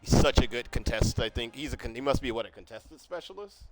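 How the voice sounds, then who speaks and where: A man streaming a football video game live, cursing and reacting excitedly to the plays as he talks through them to himself. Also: medium pitch, brisk, faint music behind. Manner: profane, excitable, talks to himself while playing. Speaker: gaming streamer. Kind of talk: live gameplay commentary.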